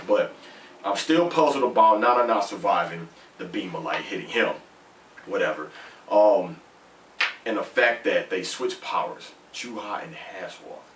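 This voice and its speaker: Lisping man, low voice in a roomy recording. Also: a bit bright. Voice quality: lisp, slushy s sounds. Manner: conversational, rambling, emphatic repetition. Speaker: host of a manga chapter review. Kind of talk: casual off-the-cuff review commentary. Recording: roomy, distant mic, faint noise.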